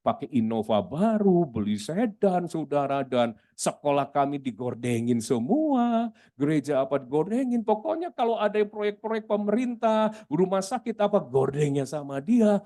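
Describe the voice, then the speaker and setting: A middle-aged man preaches, telling stories and turning often to the congregation. His voice sits somewhat high for a man, with a mellow, warm tone. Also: moderate pace. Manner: lively storyteller, keeps addressing the congregation. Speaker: pastor. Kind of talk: sermon storytelling.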